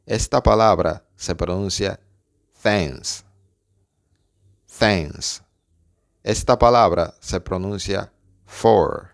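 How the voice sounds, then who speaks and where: A man's voice: low voice, slow pace, creaky. A man giving a patient step-by-step pronunciation lesson, saying each word twice. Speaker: English teacher.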